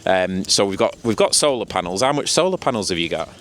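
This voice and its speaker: A man's voice: low voice, very animated, fast talker, a bit bright, a little hiss or hum. A man with a Lancashire accent chatting casually and colloquially as the host of a trade vlog. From Lancashire, England. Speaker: channel host and heat pump installer.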